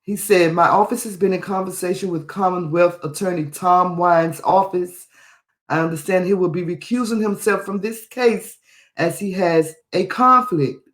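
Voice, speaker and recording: A man's voice: high-pitched, steady tone, moderate pace, a bit bright. Indignant man reading news, echoey room. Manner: indignant, repeats phrases for emphasis. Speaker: podcast host. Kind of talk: reading and commenting on a news article.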